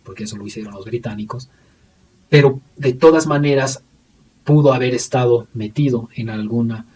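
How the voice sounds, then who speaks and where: A man giving a recorded history presentation in an unscripted way, pausing often with fillers and restarting his sentences. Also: mid-range voice, a little mellow, husky, far from the mic. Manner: hesitant, many fillers and restarts.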